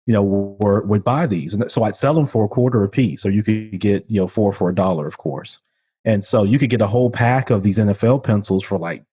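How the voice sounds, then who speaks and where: A man from Memphis, Tennessee, speaks earnestly as a podcast guest in casual interview talk, leaning on "you know" fillers. His voice is on the low side, mellow, with a breathy edge. He's recorded in a room at home on a studio condenser mic with a pop filter.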